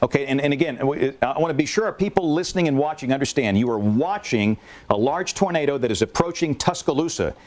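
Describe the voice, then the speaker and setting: A male weather anchor with a medium-pitched voice handles live severe weather coverage. He speaks urgently and deliberately, repeating key warnings and safety instructions. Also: animated, a little mellow.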